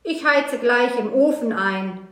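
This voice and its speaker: A kind, welcoming man calls out in a friendly, raised voice, as a woman reading a storybook voices him. He sounds close to the reader's own voice, just a touch louder and livelier. The voice is heard in an echoey room. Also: fairly high pitch, slow pace, a little hiss or hum. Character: kind man living alone at the forest edge.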